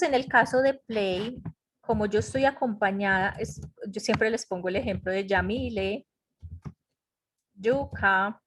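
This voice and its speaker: Slow, patient woman teaching English grammar. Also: mid-range voice, fairly bright tone. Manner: patient, explaining step by step with check-ins. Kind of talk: online grammar lesson. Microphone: computer mic in a web conference.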